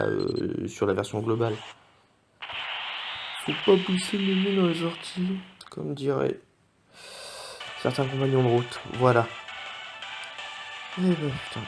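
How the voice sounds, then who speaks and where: A man giving live commentary on his game pulls in an excitable, joking way, often swearing and talking straight to his viewers. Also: mid-range voice. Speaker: gaming video host. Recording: clear background noise.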